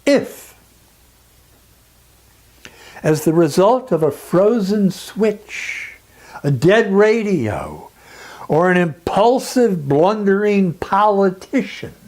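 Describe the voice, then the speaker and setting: In a medium-pitched, somewhat dark and sing-song voice, a speaker performs a dramatic scripted monologue. The delivery is grave, emphatic, and oratorical, with deliberate pauses.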